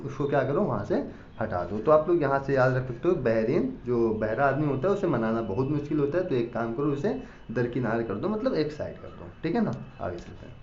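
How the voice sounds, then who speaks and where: A man's voice: mid-range voice, a little mellow, a little hiss or hum. A man teaching a lesson, who tells little mnemonic stories and keeps asking questions and answering them himself. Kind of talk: classroom lecture with mnemonic stories. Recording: echoey, dull lo-fi room sound.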